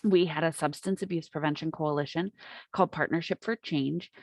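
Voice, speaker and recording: An American woman giving an informal, halting webinar presentation, speaking through a face mask. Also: sits low, steady tone, no room sound. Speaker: webinar presenter, hospital injury prevention coordinator. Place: on site at a hospital. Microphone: microphone, worn with a face mask.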